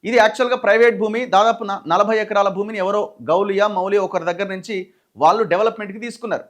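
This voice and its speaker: A journalist with a high, light voice and a Telangana Telugu accent recounts a court story. He retells it animatedly, restarting his sentences often and acting out the quoted lines. He speaks casually, in the manner of a commentator. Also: steady tone, fast talker, fairly bright tone. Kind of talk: political news commentary.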